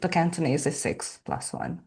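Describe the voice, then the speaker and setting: A woman from Hungary with a Hungarian accent, speaking English as a podcast guest, talking slowly and thoughtfully with soft laughs. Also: low-pitched, huge pitch swings, vocal fry. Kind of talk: casual interview talk.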